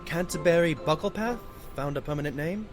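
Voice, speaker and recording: A man's voice: a little high, fairly quick, music in the background, natural voice. A man voicing a hot-tempered pony doctor, a detective's sidekick, blustering and exasperated, in a cartoon audio drama. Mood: wry.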